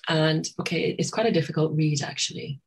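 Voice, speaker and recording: A middle-aged psychotherapist who grew up in Trinidad speaks as an interview guest in a low, husky voice, a little on the fast side. She's reflective, often stopping to restart her thoughts and using fillers along the way.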